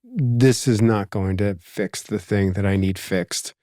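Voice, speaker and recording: A man's voice: fairly low pitch, slow, warm tone, no room sound, studio quality. A man with a Philadelphia accent, hosting a podcast in casual conversation, reflective and rambling with lots of asides. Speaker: podcast host.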